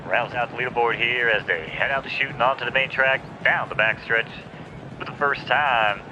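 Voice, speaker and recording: A man calling a virtual horse race live in a rapid, excited race-call delivery. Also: mid-range voice. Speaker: race caller. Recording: dull lo-fi sound with clear background noise.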